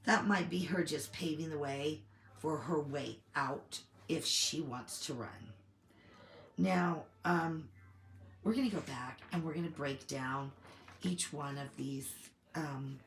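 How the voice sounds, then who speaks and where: Recovering from a cold, this woman speaks in a low, slightly hoarse voice, weighing her views slowly as though thinking out loud in the manner of a relaxed commentary host. There's a spacious echo on the recording, along with a bit of background noise.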